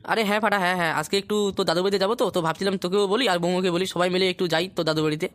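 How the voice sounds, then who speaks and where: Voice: medium pitch, steady tone, racing, a bit bright, pitched below the performer's own voice, natural voice. A performer voicing a chatty, caring old father in a cartoon, repeating his advice in a fussy way. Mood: fussing. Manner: repeats himself, fussing advice.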